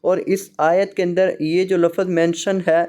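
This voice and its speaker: Smooth-voiced man teaching recitation slowly. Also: high voice, flat delivery, darkish tone. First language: Urdu. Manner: slow, drawn-out letter-by-letter spelling. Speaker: Quran teacher. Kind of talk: Quran recitation lesson.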